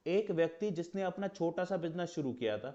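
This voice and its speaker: A man's voice: a little high, lively intonation, a little fast, warm tone. Lo-fi man lecturing on astrology. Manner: conversational, explains with rhetorical questions and mock dialogue. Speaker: astrology teacher. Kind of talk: lecture in Hindi with English terms.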